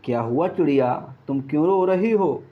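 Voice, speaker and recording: A man voicing a kind, wise old sage who speaks in a calm, reassuring way. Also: fairly high pitch, moderate pace, lightly acted. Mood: soothing. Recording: dull lo-fi.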